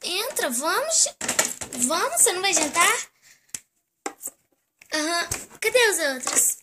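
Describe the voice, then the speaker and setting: A young girl hosting her own video and acting out a doll story, switching between squealing character voices and hushed whispered asides. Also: very high-pitched, sing-song, slow, background noise. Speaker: YouTube host and doll-play storyteller. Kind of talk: doll role-play acting out all the characters.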